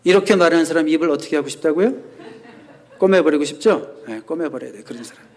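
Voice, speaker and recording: A man's voice: a little high, expressive, fast talker. A male pastor preaching a sermon in a church, asking the congregation rhetorical questions and acting out quoted voices. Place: church sanctuary.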